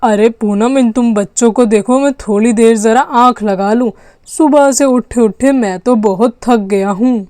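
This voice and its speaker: A woman's voice: fairly high pitch, measured pace, a little mellow, no echo, studio quality, close to an everyday voice. A woman voicing a tired father of two in a doll story, talking in a fussy, scolding way. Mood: weary. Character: grown man, tired father of two kids. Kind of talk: doll story role-play.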